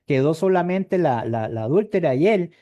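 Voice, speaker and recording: A man's voice: on the high side, animated, normal speed, warm tone, no room sound, dull audio. A man with a Costa Rican accent preaching a sermon in a conversational way, often checking in with his listeners and repeating words as he searches for them. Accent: Costa Rican Spanish. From Costa Rica. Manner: conversational, asks the congregation "¿verdad?" often. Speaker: evangelist preacher.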